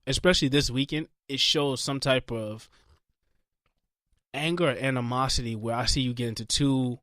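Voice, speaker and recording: A man's voice: medium pitch, moderate pace, a bit bright, no echo, clean studio sound. Easygoing rambling podcast co-host man. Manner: easygoing, rambling, restarts often. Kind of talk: casual chat. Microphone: studio mic with headphones.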